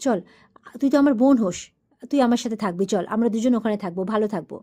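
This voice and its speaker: A woman's voice: on the high side, fast, close to an everyday voice. A woman reading the lines of a caring older brother comforting his sister. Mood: gentle. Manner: gentle, coaxing.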